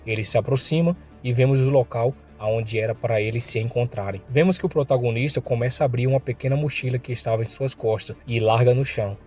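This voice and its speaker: Mellow-voiced Brazilian man narrating a recap. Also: fast talker, hardly any pauses, faint music behind. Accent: Brazilian Portuguese. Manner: voices thug dialogue with rising pitch and force.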